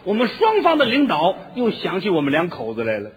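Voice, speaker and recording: A man performing comic crosstalk, telling his story in an animated, exaggerated way. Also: sits high, brisk, slight background noise.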